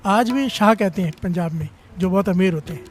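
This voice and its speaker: A man's voice: sits high, a little fast, a little hiss or hum. A man preaching a sermon, telling a story and repeatedly calling on the congregation to respond. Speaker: Sikh preacher giving katha.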